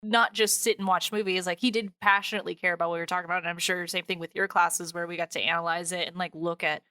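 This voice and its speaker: Here a woman tells stories on a chatty podcast she co-hosts, breaking into her own sentences as she goes. She talks fast in a lowish, bright, forceful voice that's smooth and fairly even in intonation. There's no echo, just clean studio sound.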